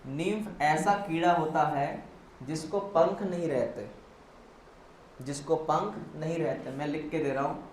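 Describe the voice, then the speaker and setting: A man's voice: fairly high pitch, a little slow, echoey room, a little hiss or hum, rough recording. A male biology teacher lecturing a class in Hindi mixed with English terms, quizzing students step by step, spelling words out and answering his own questions.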